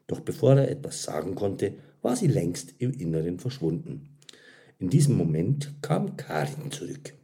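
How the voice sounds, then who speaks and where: A man reading a story aloud as narrator, expressive and unhurried. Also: low voice. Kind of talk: audiobook narration.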